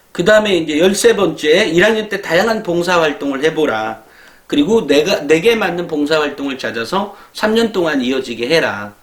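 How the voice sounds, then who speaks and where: A middle-aged man talks through college admissions advice in a loose, conversational lecture. His voice sits a bit high and swings lively up and down, full of fillers and rhetorical questions. The room around him is echoey. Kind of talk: lecture-style talk.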